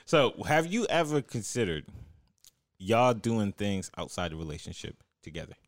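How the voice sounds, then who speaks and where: A man's voice: lowish voice, big pitch swings, moderate pace, no echo, clean studio sound. A young man telling stories in casual podcast chat, slangy and laughing often.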